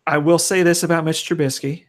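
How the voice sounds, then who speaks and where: A man's voice: on the high side, steady tone, fairly quick. A man co-hosting a casual sports podcast, laid-back and swearing freely. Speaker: podcast co-host.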